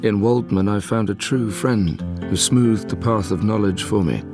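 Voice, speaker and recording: An actor playing Victor Frankenstein, an obsessed, haunted young scientist, speaking with formal, literary intensity in an audio drama. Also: male voice, on the low side, moderate pace, music in the background, natural voice. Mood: grave, reflective. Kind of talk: audio drama acting, first-person narration and dialogue.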